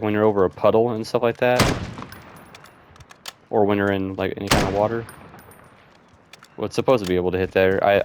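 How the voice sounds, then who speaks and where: A man's voice: fairly low pitch, a little mellow, slight background noise. A man giving casual, rambling gameplay commentary, thinking aloud with lots of fillers. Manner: rambling, loose, with frequent fillers like "and stuff".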